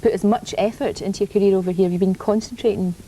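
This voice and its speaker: Casting: female TV morning host, quick delivery, warm mellow tone, probing interviewer. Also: mid-range voice, fairly even intonation, a little hiss or hum, low-quality recording. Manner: brisk, probing questions.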